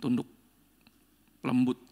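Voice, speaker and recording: A man's voice: takes it slowly, mellow. A male pastor preaching a sermon in a joking, slangy style and acting out quotes as he tells stories.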